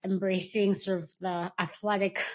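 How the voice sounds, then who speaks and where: A woman in her forties, originally from Kenya, chatting as a podcast guest. She talks at a middle pitch, unhurried and reflective, with frequent pauses and fillers. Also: level tone. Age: 40s. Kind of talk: casual interview chat.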